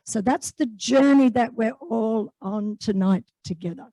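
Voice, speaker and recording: A woman's voice: fairly high pitch, unhurried, mellow, no echo, poor audio. A woman with an Australian accent hosting an evening event in a large room, speaking enthusiastically with many fillers. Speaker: host and executive officer.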